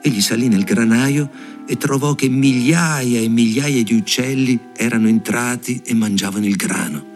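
A man reading a fairy tale aloud, with expressive storytelling. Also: mid-range voice, moderate pace, faint music behind. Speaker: reader.

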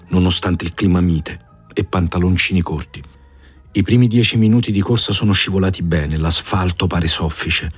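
A man giving a measured, even first-person reading of a novel for a radio audiobook. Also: deep voice. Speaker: audiobook reader.

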